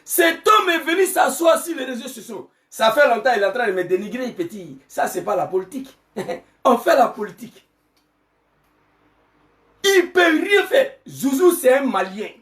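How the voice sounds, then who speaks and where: A middle-aged man with an Ivorian French accent, an activist giving an angry political monologue full of shouted rhetorical questions. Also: very high voice, lively intonation, normal speed, distant mic. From Côte d'Ivoire.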